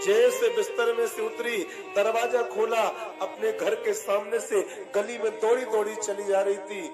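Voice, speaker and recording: A man preacher telling an emotional devotional story, addressing his listeners warmly. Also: high voice, little pitch movement, a little slow. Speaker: religious preacher. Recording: echoey hall with music behind.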